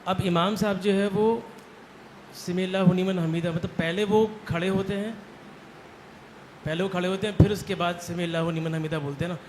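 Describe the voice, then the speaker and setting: A man from the audience asking a religious question in a halting way, repeating himself as he goes. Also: high-pitched, steady tone, darkish tone, a little hiss or hum.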